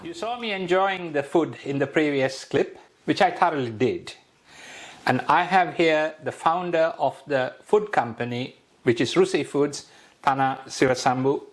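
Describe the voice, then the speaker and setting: A man from Sri Lanka hosting a talk show, eagerly asking questions and often restarting his sentences. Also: medium pitch. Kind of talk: interview and food tasting.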